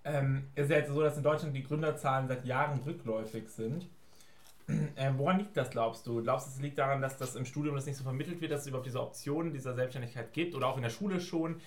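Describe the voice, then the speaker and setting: A man's voice: mid-range voice, fast. A man hosting an interview, asking long, stacked questions in a casual tone. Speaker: host.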